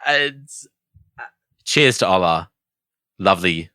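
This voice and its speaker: A cheery mock-British bloke full of slang, put on by a man. The voice sits low with a bright, forceful edge, and the hammy accent wobbles on purpose. It sounds dry and close to the mic. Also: lively intonation, slow pace, no echo, heavily acted. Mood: jolly.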